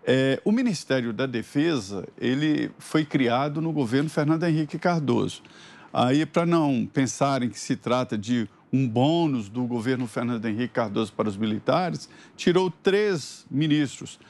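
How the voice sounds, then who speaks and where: A man giving political commentary in a measured, explanatory way, with hesitant fillers. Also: medium pitch, a little mellow.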